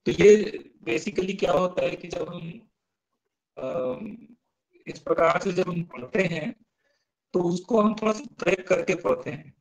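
Slow gravelly guy teaching a class, bit high voice, walks through pronunciation patiently and keeps asking the students questions. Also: rough recording. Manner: recites verses slowly, syllable by syllable. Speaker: Sanskrit teacher.

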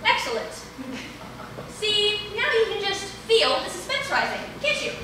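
A young woman playing a brisk, wry playwriting lecturer in a live stage comedy sketch, lecturing with dry asides, recorded from far off in a theater. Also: extremely high pitch, very animated, heavily acted. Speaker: stage actor. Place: large indoor theater stage. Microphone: distant camera mic. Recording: echoey hall from far off, noisy.

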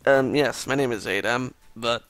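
A man's voice: mid-range voice, moderate pace, a bit bright, no room sound, faint music behind. A man reading a visual novel aloud with commentary and sarcastic, self-mocking asides. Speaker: gameplay commentator.

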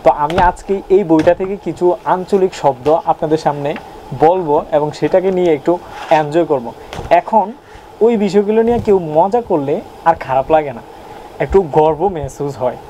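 A man's voice: a little high, warm tone, slight background noise, low-quality recording. Playful young man with a Chittagong accent. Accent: Chittagong Bengali. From Chittagong region of Bangladesh. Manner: playful, jokey, asks the viewer questions. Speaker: YouTuber. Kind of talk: casual vlog about regional dialect words.

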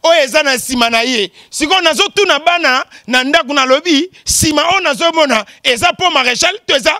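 A man hosting a show with animated commentary, teasing people, breaking into exclamations and laughs. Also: very high voice, a little fast, no echo, clean studio sound. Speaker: show host.

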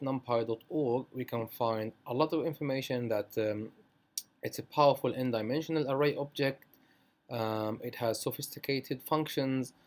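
A man's voice: medium pitch, a little mellow. A man teaching a programming tutorial over a screencast, talking it through with many fillers and self-corrections. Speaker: programming instructor.

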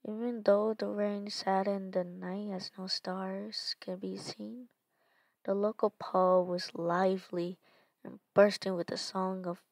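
A woman hosting a storytelling podcast, reading a dark story in a soft, hushed voice that often drops near a whisper. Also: medium pitch, no echo.

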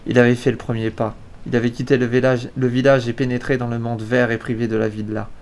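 A man reads a novel aloud on a live stream at a steady, unhurried pace. His voice sits at an average pitch, and he restarts a word here and there. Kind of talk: book reading aloud.

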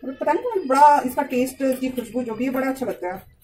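Soft-spoken woman cooking at home. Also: high voice, animated, recorded from a distance. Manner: chatty, talks softly and slowly today. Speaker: cooking vlogger. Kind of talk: casual home cooking vlog. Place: home kitchen. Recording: noisy home phone recording.

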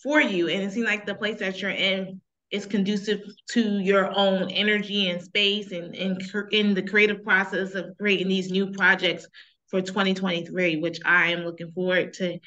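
A woman's voice: mid-range voice, little pitch movement, normal speed, bright, forceful tone, highs cut off. A woman hosting an interview show, upbeat and encouraging, speaking both to her guest and to the viewers. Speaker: talk show host.

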